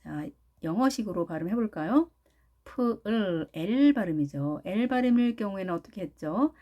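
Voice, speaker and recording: Korean woman teaching pronunciation slowly. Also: medium pitch, lively intonation, muffled recording. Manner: drawn-out syllables sounded out one by one. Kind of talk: slow, careful pronunciation lesson.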